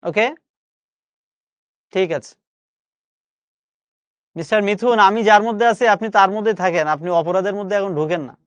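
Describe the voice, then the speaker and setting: A man's voice: high-pitched, normal speed, long pauses, no echo, dull audio. A man with a Bangladeshi Bengali accent teaching spelling in a live online lesson, coaxing and repeating each word for his students to drill. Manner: coaxing, repeats words for drill, chatty colloquial asides.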